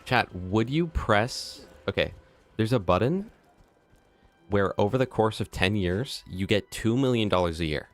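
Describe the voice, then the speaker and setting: A man's voice: on the low side, expressive, moderate pace, faint music behind. A man streaming a game, chatting and joking casually with his chat. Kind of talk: casual gameplay livestream commentary.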